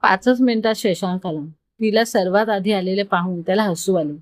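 A woman storyteller reading an emotional story aloud in a calm, measured manner. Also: medium pitch, no echo. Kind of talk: scripted story narration.

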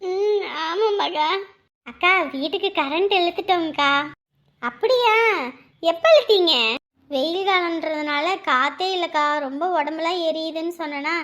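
A woman's voice: extremely high pitch, unhurried, fairly bright tone, lo-fi sound. A woman, chatting and scolding in a neighbourly skit. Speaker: performer voicing village women. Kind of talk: village comedy skit dialogue.

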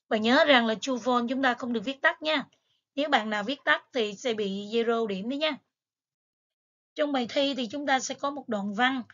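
A woman's voice: fairly high pitch, fairly bright tone, highs cut off. A woman teacher, patiently going over exam material step by step with frequent fillers. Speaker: English teacher. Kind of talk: exam review lesson.

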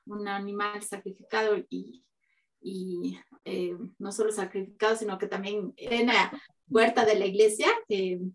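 A young woman talks through her artwork on a video call, taking her time and pausing often. Her speech is hesitant, with frequent fillers and restarts, and she has a medium pitch. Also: level tone, a little hiss or hum. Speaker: exhibiting artist. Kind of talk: informal presentation on a video call. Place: home room. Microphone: video call, camera a few feet away.

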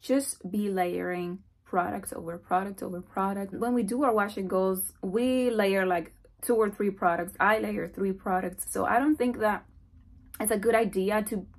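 A young woman talks straight to the camera in her bedroom, answering viewer questions. Her delivery is chatty and animated, and her voice sits at an ordinary medium pitch. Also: normal speed. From Dominican Republic. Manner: chatty, animated, gestures while talking. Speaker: hair vlogger. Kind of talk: casual Q&A vlog talk. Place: bedroom, indoors. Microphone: camera at close framing.

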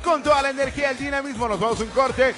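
A man's voice: very high-pitched, fast talker, over music. A man co-hosting a morning TV show, upbeat and teasing, hyping up the next segment. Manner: upbeat, teasing, hype-style. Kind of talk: lively studio banter.

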